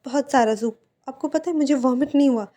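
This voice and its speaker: Whiny, clingy pregnant young man, high and mellow, read in a storybook telling by a woman narrator. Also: brisk. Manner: whiny, pleading.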